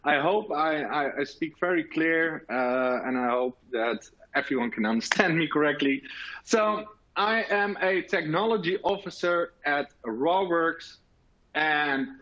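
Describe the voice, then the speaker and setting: On the high side and a bit bright, this man's voice comes through with the highs cut off. He's a Dutch-accented native speaker from the Netherlands giving an earnest virtual conference presentation, with frequent fillers and restarts.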